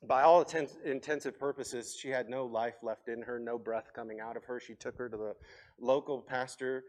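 A man's voice: mid-range voice, steady tone, moderate pace. Man preaching an impassioned sermon. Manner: impassioned storytelling, rising and falling emphasis. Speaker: pastor.

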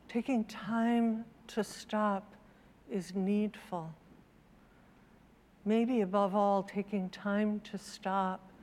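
A woman reading a children's story aloud, then reflecting in a measured, gentle sermon. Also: medium pitch. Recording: long hall reverb.

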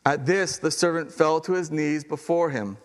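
Animated man preaching a sermon. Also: on the high side, moderate pace. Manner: conversational, animated storytelling with acted quotes. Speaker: pastor.

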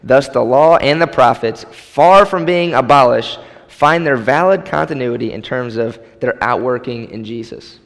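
A man's voice: medium pitch, normal speed, vocal fry. A man preaching a sermon as pastor, emphatic and repeating key phrases for weight. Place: church sanctuary. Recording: long hall reverb.

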